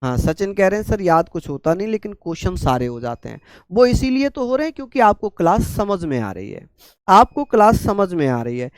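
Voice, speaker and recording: His voice is high, clear and resonant, with no echo, even though his throat is sore and infected. The man, from India, teaches a live online class calmly and slowly, repeating points and questioning his students.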